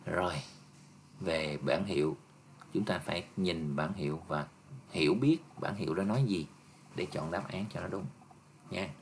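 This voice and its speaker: A man's voice: low voice, a little slow, pauses often, a little hiss or hum. A male teacher patiently reviewing an English exam step by step for his students. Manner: patient, explaining step by step with frequent "nha" and "nè".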